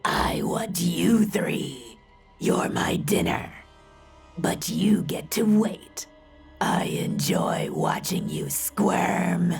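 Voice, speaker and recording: Woman doing a super slow gravelly rotted ghoul guy, whispery and mean, some music in the back. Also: on the low side, wildly swooping pitch, darkish tone, pitched above the performer's own voice, heavily acted. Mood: menacing. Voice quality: rasping, phlegmy whisper. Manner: slow, taunting, cackling. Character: rotting undead male ghoul, gleeful and cruel.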